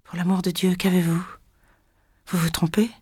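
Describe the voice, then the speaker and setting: A woman reader voicing a frightened upper-class married woman who stammers in a hushed, toneless voice. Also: lowish voice, little pitch movement, normal speed, husky, no room sound, studio quality. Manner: hushed, stammering, breathless with fear.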